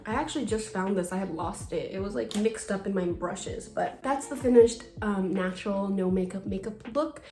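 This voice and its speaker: A woman's voice: medium pitch, normal speed, few pauses, reverberant, loud music behind the voice. A young woman chatting casually through a makeup tutorial, rambling with self-deprecating asides and a little out of breath, filmed on a phone. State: slightly out of breath. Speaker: beauty vlogger. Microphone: phone camera.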